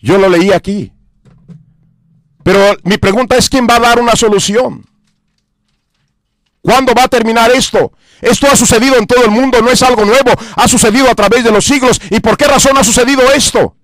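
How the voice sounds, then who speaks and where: Mexican pastor guy, high voice, dry close sound, earnest radio preaching, lots of repeating. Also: brisk, long pauses, a bit bright, no room sound. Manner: earnest, repetitive preaching with emphatic lists. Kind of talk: radio sermon. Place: radio studio.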